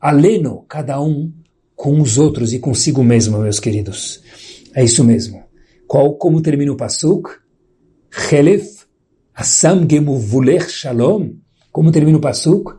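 Husky-voiced Brazilian man preaching animatedly. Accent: Brazilian Portuguese. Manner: animated, swings his voice high and low, slows for emphasis. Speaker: religious teacher. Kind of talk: sermon with a told story.

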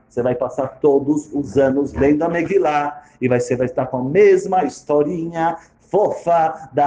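A man, a religious teacher telling a story in a sermon with a dramatic, animated delivery. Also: medium pitch, roomy sound.

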